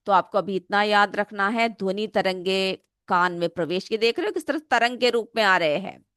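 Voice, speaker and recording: A woman's voice: medium pitch, normal speed, a bit bright, clean tone, dry recording, clean studio sound. A woman teaching a school science lesson. She asks the pupils questions and then answers them herself. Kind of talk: classroom lesson, explaining a simulation.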